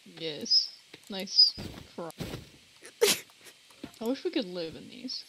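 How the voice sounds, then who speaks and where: A woman's voice: fairly low pitch, expressive, takes it slowly, heavy background noise. A woman playing a survival game with a friend, tossing in dry, offhand jokes. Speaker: co-player. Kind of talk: casual let's-play chat.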